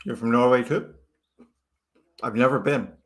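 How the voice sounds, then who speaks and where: Reading comments during his crypto livestream, a man from Chicago casually calls out viewers by name. He is a little slow, with a medium pitch and a fairly bright tone.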